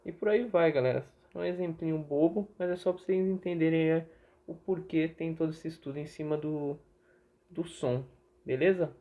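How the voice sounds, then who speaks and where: A man's voice: a little high, fairly even intonation, normal speed. Chatty Brazilian man teaching, tinny audio. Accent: Brazilian Portuguese. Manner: chatty, asks and answers own questions. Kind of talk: casual online grammar lesson.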